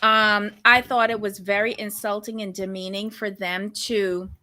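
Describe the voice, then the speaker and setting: A woman's voice: medium pitch, level tone, a little slow, sharp tone, a little hiss or hum. A woman co-hosting a reality-show recap, talking bluntly and sassily with exasperated reactions. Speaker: podcast co-host reviewing a reality show. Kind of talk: casual commentary chat.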